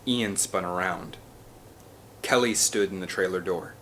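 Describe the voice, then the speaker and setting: With a low, fairly bright voice and a slightly slow delivery, a man reads a children's adventure novel as dramatic scripted narration. His performance is emphatic and theatrical, and there's slight background noise.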